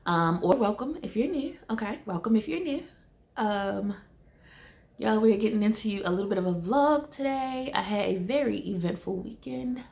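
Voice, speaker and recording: Chatty woman vlogger with a gravelly edge. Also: medium pitch, lively intonation, moderate pace, a little mellow. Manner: chatty, loose and self-correcting, laughing at herself. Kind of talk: casual vlog talk to camera. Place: indoor room with window blinds. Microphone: camera in front of her.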